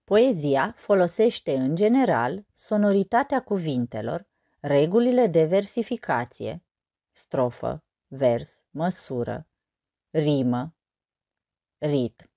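A woman with a slightly low voice gives a scripted school lesson, slowing down to count the syllables of each line of verse. The recording is dry and close, with no room sound. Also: sing-song, mellow, no echo. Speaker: teacher.

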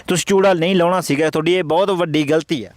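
A man's voice: on the high side, fairly even intonation, fast talker, no room sound, close to an everyday voice. A man playing a journalist in a comedy skit, questioning a couple and pressing for direct answers. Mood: probing. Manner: probing, presses for straight answers. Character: pushy street journalist questioning a quarrelling couple.

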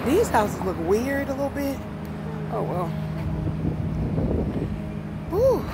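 A woman's voice: on the high side, expressive, moderate pace. Young female walking vlogger, casual delivery, outdoor phone audio with heavy street noise. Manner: talking while walking outdoors, breathy sighs of exertion. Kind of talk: casual walk-along vlog. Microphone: phone held at arm's length. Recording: very noisy outdoor street recording. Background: street and traffic noise.

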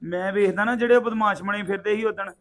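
A man's voice: sits high, steady tone, quick pace, a bit bright. An actor playing a defiant, hot-tempered young man with a Punjabi accent, arguing with his mother. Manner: defiant, sulky, angry. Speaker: son.

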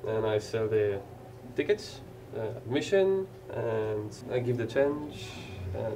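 A man's voice: lowish voice, lively intonation, slow, warm tone. A young man working as a doorman, explaining his job in an interview. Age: young adult. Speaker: doorman and ticket seller. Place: small indoor ticket office. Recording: distant mic, noisy room with clicks.

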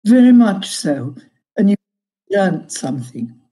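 Older Yorkshire-born woman, a measured storyteller, very slow delivery. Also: medium pitch, very animated, dark tone, rough recording. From Yorkshire, England. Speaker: guest, cookbook author. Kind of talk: interview over a call.

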